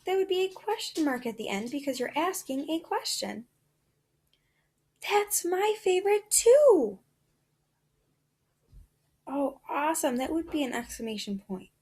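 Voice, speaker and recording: A woman teaching a reading lesson to young children in an encouraging, sing-song classroom manner. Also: high-pitched.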